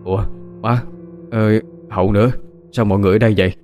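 A man's voice: lowish voice, steady tone, quick pace, darkish tone, soft background music, lightly acted. A man voicing a sleepy, dismissive young husband, hesitating with fillers. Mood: puzzled.

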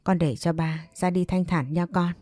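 A woman voicing a kind older neighbor woman who speaks softly and comforts a grieving girl. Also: fairly low pitch, fairly even intonation, moderate pace, no echo, studio quality, natural voice. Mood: comforting. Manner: soft, comforting, hesitant. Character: kind elderly neighbor woman, gentle and caring.

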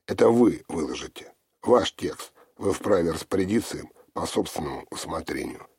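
A man's voice: deep voice, animated, normal speed, gravelly, darkish tone, husky, dry recording, exaggerated voice. A man voicing a pushy, confident male investigator who talks in an insistent, lecturing way. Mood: curt. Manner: insistent, self-assured, lecturing.

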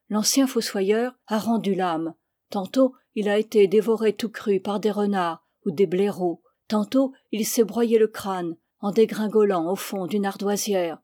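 A woman reading a story aloud in a measured, expressive way. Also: mid-range voice, no room sound, studio quality. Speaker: reader. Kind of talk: audiobook narration.

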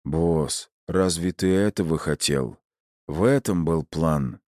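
A man voicing a gentle young male henchman who speaks in a quiet, pained and earnest way in an audiobook. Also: extremely low pitch, slow, dry recording, clean studio sound. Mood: reproachful.

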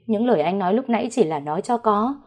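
A woman's voice: medium pitch, lively intonation, quick pace, darkish tone, lightly acted. A woman playing a cowardly cheating husband. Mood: begging. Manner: begging, blame-shifting. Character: cheating eldest son, young man, cowardly and pleading.

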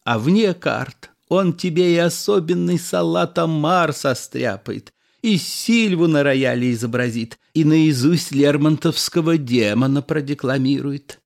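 A man voicing a nostalgic former card sharp who talks in effusive exclamations. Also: a little high, a little slow, vocal fry, pitched above the performer's own voice. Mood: gushing nostalgia.

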